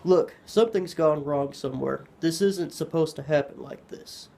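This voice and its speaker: A man voicing a ten-year-old boy who speaks with the clear, precise, serious manner of an adult. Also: on the high side, moderate pace, dark tone. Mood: urgent.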